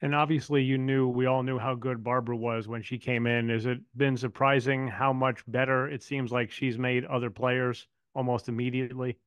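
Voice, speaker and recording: A man's voice: medium pitch, flat delivery, normal speed, hardly any pauses, fairly bright tone, clear, resonant tone, no echo. A man working as a sports reporter, politely asking a coach questions at a press conference.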